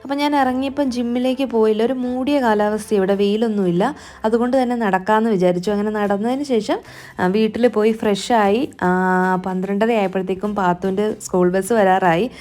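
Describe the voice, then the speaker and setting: A homemaker narrates her daily routine over the footage, talking to viewers in a chatty, friendly way. Her voice is mellow and warm, at an ordinary middle pitch. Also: fairly even intonation, moderate pace. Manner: chatty, friendly, often adds a conversational tag to sentences. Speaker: homemaker vlogger. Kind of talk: narrated day-in-the-life voice-over.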